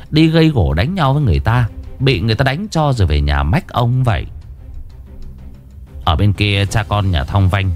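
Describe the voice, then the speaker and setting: A man's voice: on the low side, darkish tone. A man narrating a story in a vivid, dramatic way.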